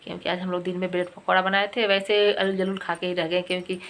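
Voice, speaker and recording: A woman's voice: fairly low pitch, flat delivery, fast talker, fairly bright tone. A middle-aged woman with a cold, chatting in her home kitchen and retelling a story in a casual home vlog. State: has a cold. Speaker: vlogger.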